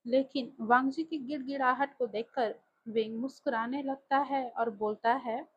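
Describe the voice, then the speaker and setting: Woman narrator for a dark horror tale, high husky voice, deliberate pace. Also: fairly even intonation, dull audio. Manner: slow, deliberate telling. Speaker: storyteller. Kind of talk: scripted horror story narration.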